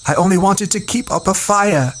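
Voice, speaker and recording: A man's voice: high voice, moderate pace, slight background noise, pitched above the performer's own voice, lightly acted. A man reading a novel aloud, voicing a frightened, hungry teenage boy who speaks in a breathless, urgent whisper. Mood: desperate. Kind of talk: audiobook character voice.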